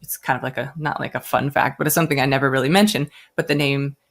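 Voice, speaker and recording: A woman's voice: a bass voice, fairly even intonation, fast talker. An American woman, a brand founder, telling her story in a casual interview and acting out the voices of the people she quotes. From United States. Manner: chatty, acts out quoted voices.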